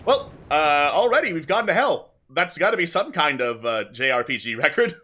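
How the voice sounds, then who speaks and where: A man's voice: a little high, big pitch swings, normal speed, bright, forceful tone. A man doing a sponsored game commentary as a YouTuber, playful and self-mocking.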